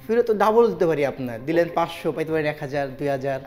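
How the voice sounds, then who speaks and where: A woman's voice: deep voice, lively intonation, fast, a little mellow, soft background music. A woman performing as a magician in kids party style, coaxing a participant through interactive tricks with magic chants and patter.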